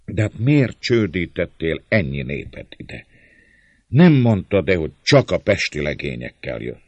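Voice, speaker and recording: A man's voice: low-pitched, big pitch swings, no room sound, voice pushed up, exaggerated voice. A man voicing an anxious young woman, questioning insistently in an audiobook. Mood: reproachful. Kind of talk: audiobook character voice.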